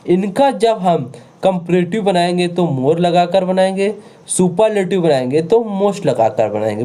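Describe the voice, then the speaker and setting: A male teacher leads an online grammar lesson, drilling words over and over and asking rhetorical questions to make sure the class is following. His voice is a little high with a dark tone.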